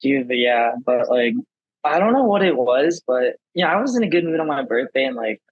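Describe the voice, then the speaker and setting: Hoarse man in his 20s, easygoing podcast co-host, husky and dry. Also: medium pitch, very animated, normal speed, no room sound, lo-fi sound. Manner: laid-back, rambling storyteller. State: hoarse, raspy from a cold. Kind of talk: casual chat.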